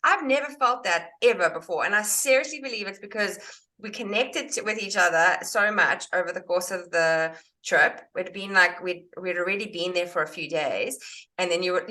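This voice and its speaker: A woman's voice: medium pitch, sharp tone. A young adult woman hosting a podcast, chatting casually and laughing often as she tells a story. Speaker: podcast host. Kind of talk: casual chat.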